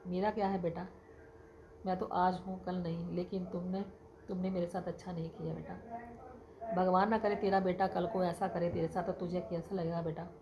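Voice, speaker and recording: A woman's voice: fairly low pitch, fairly even intonation, moderate pace, crowd noise, close to an everyday voice. A woman voicing a grieving old mother. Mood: sorrowful. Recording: noisy background.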